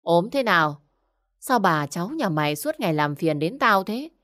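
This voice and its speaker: A woman's voice: fairly low pitch, very animated, normal speed, fairly bright tone. A woman voicing a rude, stingy middle-aged village man who scolds curtly. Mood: scolding. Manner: scornful, scolding, curt.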